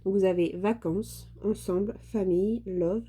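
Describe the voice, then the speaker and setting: A woman's voice: medium pitch, steady tone, measured pace, warm tone, husky. A woman from France chatting casually through a craft haul, hesitant and stumbling over her words with many fillers. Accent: French. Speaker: craft vlogger. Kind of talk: casual show-and-tell haul.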